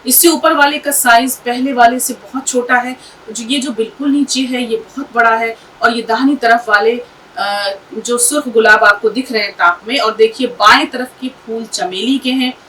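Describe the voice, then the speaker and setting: A woman's voice: fairly high pitch, fairly even intonation, normal speed, fairly bright tone, distant mic, slight background noise, lightly acted, rough recording. A woman voicing a clever young male apprentice in a storybook tale, politely explaining something to a king.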